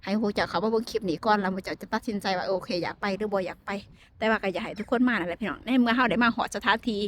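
A woman's voice: mid-range voice, racing, noisy background. A woman with an Isan Lao accent vlogging a castle visit outdoors, chatting to her viewers in a friendly way. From Laos or northeast Thailand. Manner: chatty, addresses viewers as brothers and sisters. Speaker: travel vlogger. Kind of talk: casual travel vlog narration. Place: outdoors on a castle wall in the rain.

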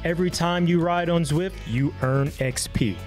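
A man's voice: a little high, moderate pace, a little mellow, soft background music. A man narrating a short explainer segment in a bouncy, enthusiastic way.

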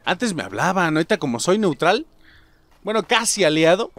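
A Mexican-accented man narrating his gameplay, cracking jokes and cursing casually as he chats to his viewers like friends. His voice sits a little high and leaps all over the place, bouncing between excited yelps and muttered asides. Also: normal speed, dry recording. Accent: Mexican Spanish. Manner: joking, swears freely, talks to viewers as buddies. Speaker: gaming channel host. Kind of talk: let's play commentary.

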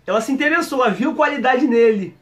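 A man with a Brazilian Portuguese accent giving casual, excitable reaction commentary as an anime YouTuber. He laughs often and talks in slang. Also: very high-pitched, fast.

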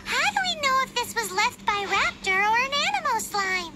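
Tiny fairy girl, squeaky childlike voice, overacted anime game dub, very high, loud game noise behind. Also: very animated, normal speed. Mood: puzzled.

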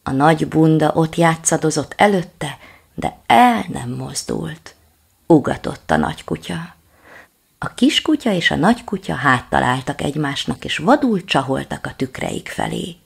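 A woman narrates a children's story in a low, husky voice with a gravelly rasp. Her reading is lively and expressive, and her pitch swings widely as she follows the tale. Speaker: audiobook reader.

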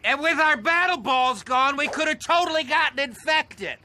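A man voicing a grumpy male alien trainer who complains loudly while sick. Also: extremely high pitch, expressive, normal speed, slight background noise, heavily acted. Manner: complaining, shouty.

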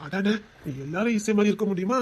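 A woman acting in a home-made family drama, with quick teasing talk. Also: mid-range voice, close to an everyday voice.

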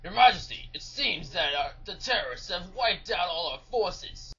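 A man's voice: sits high, expressive, normal speed, bright, forceful tone, breathy edge, heavily acted. A man voicing a pompous, blustering imperial officer in a comedy fan dub. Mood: smug. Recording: dull lo-fi sound with faint hiss.

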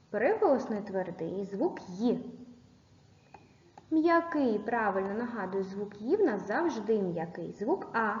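Woman teacher for a kids' video lesson: patient, lively pitch that rises and falls, speaks slowly. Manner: patient, slow dictation, spells out sounds and syllables. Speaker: primary school teacher. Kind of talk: recorded video lesson for children. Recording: echoey room, dull lo-fi sound.

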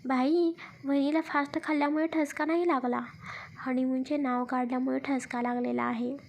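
A woman's voice: sits high, steady tone, moderate pace, gravelly, a little mellow. A woman voicing a playful young man who cracks jokes at the newlyweds in a spoken story. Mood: joking. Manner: joking. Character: playful young brother-in-law, joking.

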